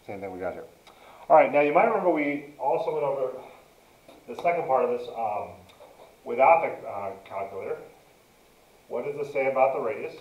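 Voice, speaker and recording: A male teacher is heard from well away from the microphone in a roomy, slightly dull recording. He walks through a math problem step by step, dictating it piece by piece in a mid-pitched voice. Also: lively intonation, brisk, pauses often. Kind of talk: step-by-step lesson narration, working through a problem. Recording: dull, roomy, distant mic.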